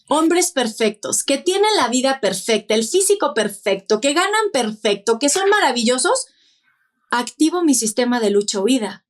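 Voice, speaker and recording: A woman, a podcast guest who explains things step by step and poses rhetorical questions. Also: on the high side. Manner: didactic, lists points and asks rhetorical questions. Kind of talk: explanatory interview talk.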